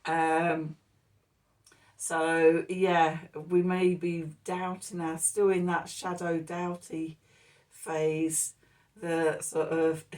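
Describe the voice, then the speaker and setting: A woman talks through a tarot reading in a relaxed, rambling way, with plenty of ums and little laughs between her thoughts. Her voice sits on the low side and moves at an unhurried pace. She is recorded a little away from the microphone. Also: recorded from a distance. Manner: chatty and laughing often, with many ums. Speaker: tarot reader. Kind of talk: casual spoken tarot reading.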